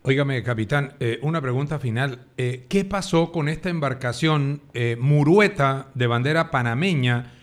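Higher-voiced male radio host. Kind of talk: news interview.

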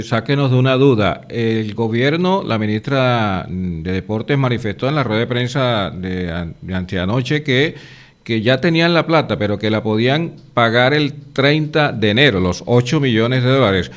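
Male radio host, mid-pitched voice, rambling questions, polite sign-off. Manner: long, halting questions with fillers. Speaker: radio interviewer. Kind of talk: radio interview.

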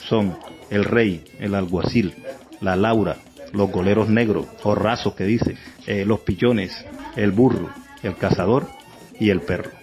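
A man from Colombia with a Caribbean coastal accent speaks in a somewhat low voice. He explains and recounts informally in an interview, over soft music. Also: fairly even intonation, a little slow. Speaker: folk dance group heir, interviewee.

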